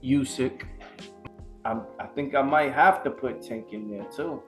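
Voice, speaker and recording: A man co-hosting a casual boxing podcast, ranting in a heated, profane, animated way. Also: medium pitch, a little slow, faint music behind. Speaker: podcast co-host.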